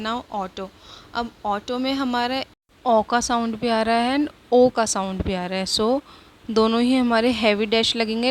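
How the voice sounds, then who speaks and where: Slow, patient woman teaching shorthand. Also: a little high, a little hiss or hum. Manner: patient, repeats each word several times; mixes English words into Hindi. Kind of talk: slow Hindi-English lesson.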